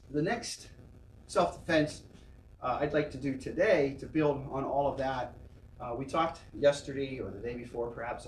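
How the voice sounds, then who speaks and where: A man's voice: medium pitch, echoey room, recorded from a distance, slight background noise, low-quality recording. A man teaching a karate class, encouraging and explaining step by step with frequent check-ins. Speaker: karate instructor. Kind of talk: online class instruction.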